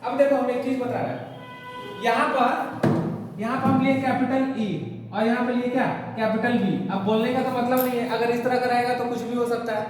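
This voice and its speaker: A woman teaching a biology class, firing questions at students and slowly repeating key terms for emphasis. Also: fairly high pitch, flat delivery, a little mellow, faint music behind. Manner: keeps quizzing students with call-and-response questions. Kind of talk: classroom lecture. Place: large echoey classroom. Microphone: distant mic. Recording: echoey hall recording from far off, noisy.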